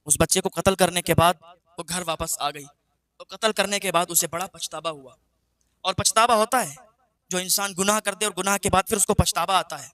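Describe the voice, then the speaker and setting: Male preacher, high bright voice, emotive storytelling with repeated phrases, dry close sound. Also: no room sound. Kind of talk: storytelling sermon.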